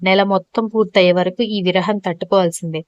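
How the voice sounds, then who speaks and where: A woman voicing a shy, sulky young wife in an audio storybook, speaking softly and coyly. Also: fairly low pitch, steady tone, fast talker, no echo, highs cut off, lightly acted. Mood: playful. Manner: soft, coy whisper.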